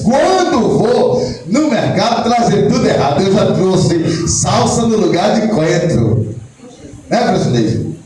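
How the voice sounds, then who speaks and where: Male pastor, Brazilian accent, very high voice, heated sermon, shouts and acted-out voices, distant mic, booming church echo. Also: slight background noise. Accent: Brazilian Portuguese. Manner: lively preaching, rising to shouts, acting out quoted voices. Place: church hall. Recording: echoey church hall, mic at a distance, music behind.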